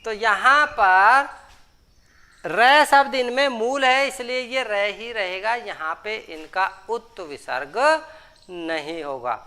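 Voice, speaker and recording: Woman, grammar lecture, step-by-step explaining, slow, clear smooth voice. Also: mid-range voice, bright, forceful tone. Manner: explains step by step, often asks the class if it is understood. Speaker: Sanskrit grammar teacher. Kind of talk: classroom lecture.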